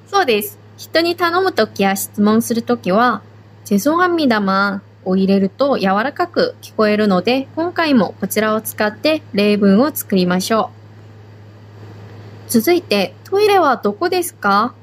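A woman teaching a language on a podcast, explaining grammar slowly and step by step. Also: a little high, lively intonation, a little hiss or hum, low-quality recording. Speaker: Korean language instructor. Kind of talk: slow, patient language lesson.

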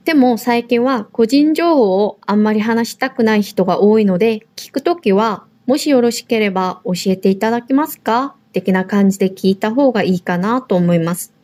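A woman's voice: on the high side, moderate pace, hardly any pauses, darkish tone. A woman from Korea co-hosting a language lesson, repeating words after the teacher and chatting about customs. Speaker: co-host and learner. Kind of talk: casual language lesson chat.

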